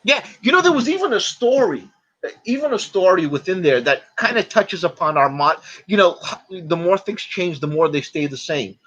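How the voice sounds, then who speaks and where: Halting man with lo-fi sound. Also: high voice, very animated, fairly bright tone. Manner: halting storyteller, many fillers and restarts. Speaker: guest. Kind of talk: casual podcast chat.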